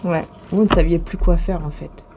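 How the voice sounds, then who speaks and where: A woman's voice: fairly low pitch, fairly even intonation, moderate pace, noisy background. A woman reading tarot cards to the viewer in a casual, rambling way, with many hesitations and restarts. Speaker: tarot and oracle card reader.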